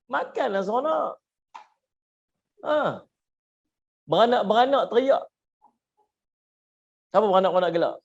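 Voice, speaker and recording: A man's voice: high-pitched, gravelly, darkish tone. A man giving a humorous religious lecture, asking the audience questions. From Malaysia. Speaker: preacher. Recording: muffled lo-fi lecture recording.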